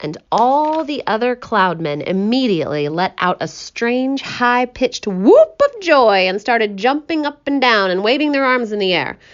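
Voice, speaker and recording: A woman narrating a children's story aloud in an expressive, animated way. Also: a little high, a little slow, few pauses, highs cut off.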